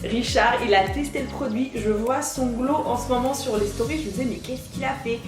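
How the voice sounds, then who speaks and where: Woman beauty vlogger, chatty and upbeat, slightly high voice. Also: brisk. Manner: bubbly, chatty, talks straight to viewers. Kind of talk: casual unboxing vlog. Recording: echoey room with faint music.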